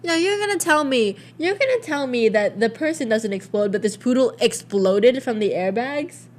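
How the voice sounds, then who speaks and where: Animated young woman telling stories. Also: on the high side, moderate pace, a little hiss or hum. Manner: animated storyteller, swears freely, lots of "like". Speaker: podcast co-host. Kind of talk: casual chat.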